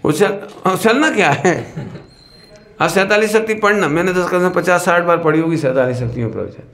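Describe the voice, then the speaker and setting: A man giving a sermon in a lively, questioning way, who sometimes sings verse lines. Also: high voice, brisk. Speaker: religious teacher. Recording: echoey hall with some noise.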